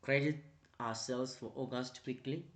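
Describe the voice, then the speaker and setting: A man teaching an online accounting revision class, repeating his prompts and growing louder and more emphatic as he explains. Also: medium pitch, steady tone. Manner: repetitive, prompting with "right?" and "quickly". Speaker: accounting tutor.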